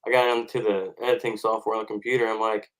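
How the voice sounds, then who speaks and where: A man's voice: lowish voice, level tone, fast talker, fairly bright tone, low-quality recording. A man, a farmer guest on a podcast, explaining and telling stories casually.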